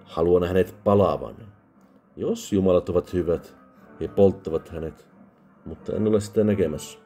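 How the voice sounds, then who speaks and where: A man voicing a drunk, bitter, menacing soldier with a drunken rasp, harsher and louder than his narration. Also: sits low, faint music behind.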